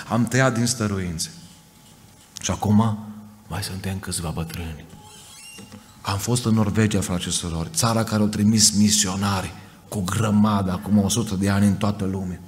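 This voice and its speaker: Low-voiced preacher in an echoing church. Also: male voice, fairly even intonation, faint music behind. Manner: emphatic preaching with acted quotes. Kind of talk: Pentecostal sermon. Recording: church hall reverb, faint noise.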